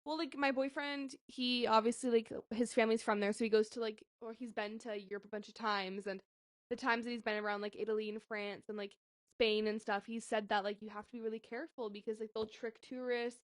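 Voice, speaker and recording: A woman's voice: on the high side, steady tone, brisk, no echo, clean studio sound. A young woman co-hosting a casual podcast chat, rambling through stories and filling them with "like". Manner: chatty, heavy use of "like". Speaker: podcast co-host.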